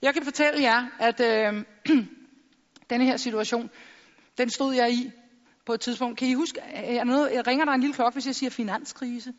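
A woman in middle age tells stories on stage with quick humour, acting out the voices of the people she quotes. Her voice sits high, and it carries into a large hall with a long echo. The sound is a bit dull, as if from a plain stage microphone. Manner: lively storytelling with jokes and acted-out quotes. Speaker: public speaker. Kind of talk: stage talk.

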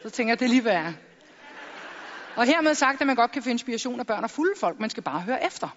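A woman in middle age tells stories on stage with quick humour, acting out the voices of the people she quotes. Her voice sits high, and it carries into a large hall with a long echo. The sound is a bit dull, as if from a plain stage microphone. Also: some chatter behind, a little hiss or hum. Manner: lively storytelling with jokes and acted-out quotes. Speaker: public speaker. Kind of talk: stage talk.

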